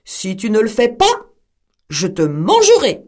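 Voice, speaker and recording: A woman's voice: on the high side, huge pitch swings, measured pace, a little mellow. A woman voicing a sly, hungry male wolf who coaxes and threatens. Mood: demanding. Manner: coaxing, then threatening.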